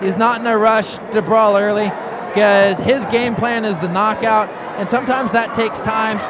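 A man's voice: sits high, steady tone, moderate pace, background noise. A man giving analytical live colour commentary on a mixed martial arts fight. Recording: live arena broadcast, crowd and music behind.

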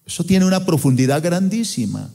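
A middle-aged man from Colombia with a Colombian accent, preaching a sermon as pastor with impassioned delivery and sweeping swings in pitch. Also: very animated, a little fast, gravelly, mellow. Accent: Colombian Spanish. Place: large church auditorium. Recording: long hall reverb in church auditorium.

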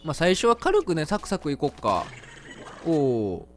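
A man with a Kansai accent talks through a video game as he plays, chatty and excitable. His voice is slightly high and swings widely in pitch. Faint game music runs behind him. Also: moderate pace. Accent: Kansai Japanese. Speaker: game streamer. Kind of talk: let's play commentary.

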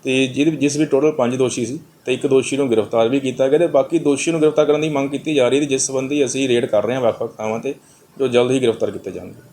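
Male police officer, Indian Punjabi accent, brisk and soft-toned, official press statement, faint background noise. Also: mid-range voice, fairly even intonation.

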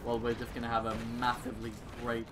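A young man hosts a gaming video, giving rambling, exasperated gameplay commentary full of joking complaints and mild swearing. His mid-range voice is completely flat and quick. Video game action sounds play clearly behind his voice over a noisy background.

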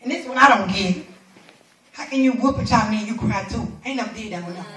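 A high-pitched woman minister with a bright, forceful edge delivers a colloquial, animated sermon, laughing and drawing call-and-response from the pews. Her voice rings out in a roomy, echoing church, picked up from some distance away. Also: fast. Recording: echoey room from far off.

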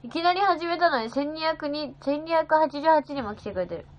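A seventeen-year-old girl chats bubbly on a phone livestream, reading viewer comments and thanking each viewer one by one. Her voice is high with lively intonation at a moderate pace. The sound is slightly dull, with faint music behind her.

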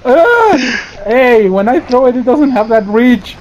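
A man bantering during a game, loud and excitable, cursing often and switching between English and Spanish. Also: very high-pitched, a little slow, highs cut off, a crowd in the background. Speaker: gaming streamer. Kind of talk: casual gaming banter.

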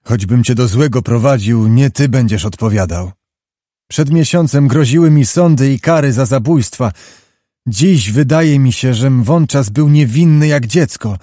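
Proud, bitter middle-aged prince, read by a male narrator; dark tone, dry close sound. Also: medium pitch, unhurried, dry recording, lightly acted. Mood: grave. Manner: grave, impassioned pleading.

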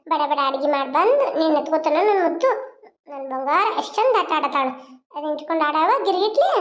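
A woman's voice: reverberant, dull audio. A woman with a North Karnataka Kannada accent voicing an anxious young village mother in a home-made cartoon, fussing and pleading. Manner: fussing, pleading, high-pitched cries.

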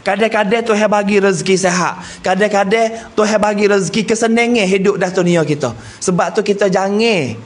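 A man with a Kelantan Malay accent giving a religious talk about charity in a measured preaching manner. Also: sits high, fairly even intonation. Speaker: religious lecturer.

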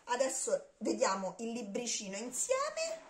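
A woman hosting her channel and reading a children's storybook aloud in a gentle, expressive tone. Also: fairly high pitch, measured pace, a little hiss or hum.

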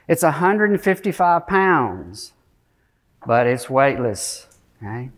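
Speaking slowly yet very animatedly at medium pitch, a middle-aged keynote speaker addresses a conference audience from near the podium. His technical talk is casual and chatty. He keeps asking "okay?" and "right?" and clears his throat a lot.

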